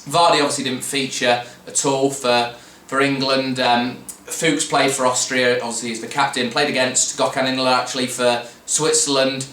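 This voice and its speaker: A man's voice: mid-range voice, level tone, moderate pace, sharp tone. A man hosting a football preview show, talking casually and rambling with restarts and fillers. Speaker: fan podcast host. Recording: roomy echo, mic at a distance, faint background noise.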